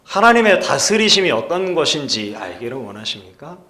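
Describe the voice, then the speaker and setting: A male pastor preaching a sermon in a measured, earnest way, putting rhetorical questions to the congregation. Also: medium pitch, sing-song, bright, forceful tone. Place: church sanctuary. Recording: echoey church hall.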